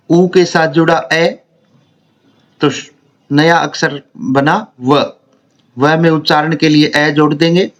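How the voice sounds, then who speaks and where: A man teaching a grammar lesson, explaining slowly and repeating syllables one by one. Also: a little high. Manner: slow, deliberate, repeats and spells out syllables.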